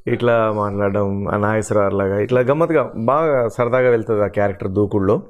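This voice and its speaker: A middle-aged mimicry artist and actor speaks quickly in a lowish voice during an emotional interview. Earnest and aggrieved, he goes on at length listing the roles he has played.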